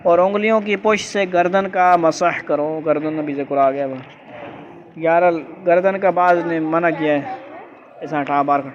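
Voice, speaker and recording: A man teaching a religious class step by step, giving firm instructions and often asking the students whether they understood. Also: a little high. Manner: keeps checking understanding with quick questions. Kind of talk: classroom lesson explaining ritual steps. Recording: dull lo-fi classroom recording with faint background hum.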